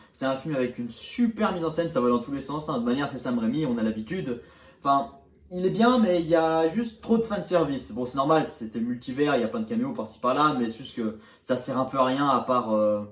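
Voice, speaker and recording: A man casually ranking his favourite films of the year in a chatty way, often saying "hein" and "du coup". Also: medium pitch. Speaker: film reviewer. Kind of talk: casual film ranking video. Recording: roomy echo, far from the mic, faint background noise.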